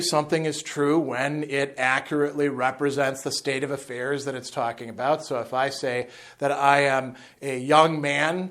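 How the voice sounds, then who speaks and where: Animated man in his fifties lecturing. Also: a little high. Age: 50s. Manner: animated, gesturing, with asides and restarts. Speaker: philosophy lecturer. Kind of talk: unscripted lecture to camera. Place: indoor room in front of a chalkboard. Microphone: lapel mic.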